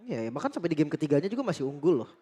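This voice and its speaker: A man's voice: fairly high pitch, very animated, very fast, dark tone. A man with an Indonesian accent giving conversational colour commentary as an esports co-caster. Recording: music behind the voice. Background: music.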